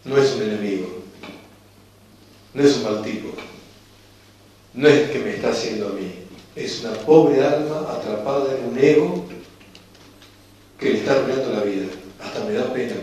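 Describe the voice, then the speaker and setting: Calm Rioplatense man lecturing in an echoey hall. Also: medium pitch, recorded from a distance. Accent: Rioplatense Spanish. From Argentina. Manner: calm and unhurried, slowing down to repeat key phrases. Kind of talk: reflective spiritual lecture.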